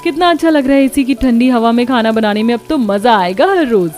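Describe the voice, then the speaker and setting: A woman's voice: on the high side, lively intonation, fairly quick, darkish tone, lightly acted. A woman voicing a pampered, demanding young daughter-in-law from the city in a cartoon. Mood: pleased. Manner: whiny, demanding.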